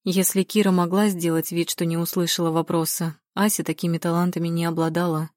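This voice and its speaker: A woman reading an audiobook aloud, calm and measured, her voice on the low side. The recording is close and dry, with no room sound around her. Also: no room sound. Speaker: audiobook narrator. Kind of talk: scripted narration.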